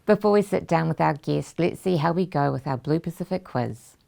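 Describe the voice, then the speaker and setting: Creaky-voiced woman hosting a show. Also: low-pitched, animated, brisk, a little mellow. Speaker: host. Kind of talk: scripted show introduction.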